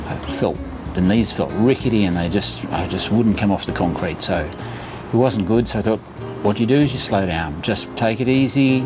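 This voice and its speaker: Older guy in his 60s, pretty low voice, chatty vlog advice, music behind him. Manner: chatty, instructive, reassuring. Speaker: running vlogger giving tips. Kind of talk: casual vlog to camera.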